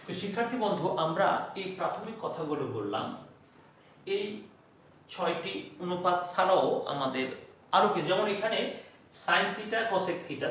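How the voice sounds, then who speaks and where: A man teaching a math lesson slowly and deliberately, repeating memory rhymes for his students. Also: high-pitched, a bit bright, slight background noise. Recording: echoey room, voice far from the mic.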